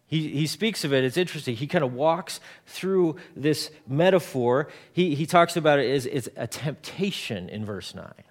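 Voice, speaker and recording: A man's voice: a little high, animated, moderate pace. Conversational man preaching a sermon. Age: 40s. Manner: conversational, repeats words, homely examples. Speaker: pastor.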